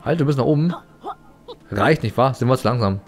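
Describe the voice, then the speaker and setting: A man's voice: medium pitch, animated, brisk. A man giving casual let's play commentary in a playful, rambling, chatty way. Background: game music.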